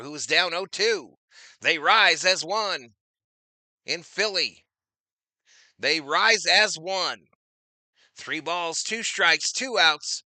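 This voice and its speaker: Bright-voiced man calling a baseball stream. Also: high-pitched, dry recording. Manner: chatty, reads out viewer names, loud on big plays. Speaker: streamer doing play-by-play. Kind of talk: casual live-stream baseball commentary.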